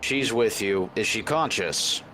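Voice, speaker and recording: Man voicing a gravelly phone stranger, terse, commanding, low, unhurried. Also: lively intonation, sharp tone, slight background noise. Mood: curt.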